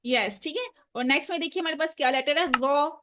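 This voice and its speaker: A woman teaching Quran recitation in a lesson, patiently repeating words slowly for her pupils, speaking words. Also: sits high, noisy background. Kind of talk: online tajweed lesson.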